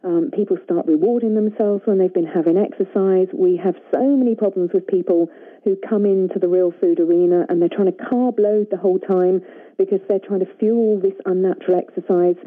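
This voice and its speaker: A woman's voice: lowish voice, steady tone. A British woman, a nutritionist, speaking assuredly as a guest on a radio phone-in. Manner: brisk, assured, plain-spoken. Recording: tinny phone line.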